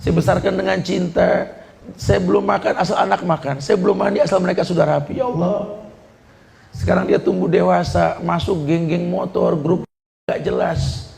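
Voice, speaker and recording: A man's voice: sits high, fairly even intonation, moderate pace, gravelly, a little mellow, pitched above the performer's own voice. A preacher voicing an aging mother who pleads about the pain of raising her son. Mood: plaintive. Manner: plaintive, pleading. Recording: echoey room.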